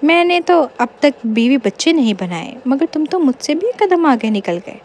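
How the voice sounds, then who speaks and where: A woman's voice: high-pitched, sing-song, a little mellow, slight background noise. A woman voicing a cheeky, self-pitying young man in a storybook reading. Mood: teasing. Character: cheeky lonely young man, whiny joker.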